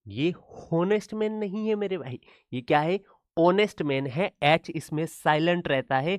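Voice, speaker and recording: A man's voice: on the high side, no echo. A man teaching an exam-prep class. He keeps asking check questions and acts out his students' replies. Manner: addresses students as brother, asks frequent check questions.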